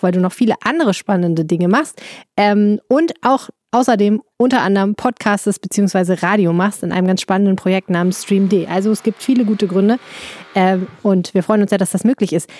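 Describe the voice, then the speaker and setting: A woman's voice: medium pitch, a little mellow, no room sound, clean studio sound. A woman hosting a podcast, introducing and questioning a guest in a friendly way, with laughs and fillers. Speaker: podcast host. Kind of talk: casual podcast interview.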